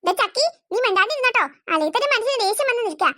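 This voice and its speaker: A hot-tempered cartoon mother, voiced by a woman, snapping and scolding. Her tone is sharp and very high, recorded dry. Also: lively intonation, rapid-fire, no room sound, exaggerated voice. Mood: irritated. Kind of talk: cartoon voice acting.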